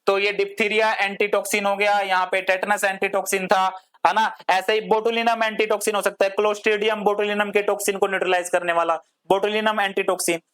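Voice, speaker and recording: Woman teaching pharmacy, slow drawn-out terms. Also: medium pitch, flat delivery, fairly bright tone, clear, resonant tone. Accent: Hindi-English code-switching. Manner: drawls long technical terms word by word. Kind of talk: classroom lecture.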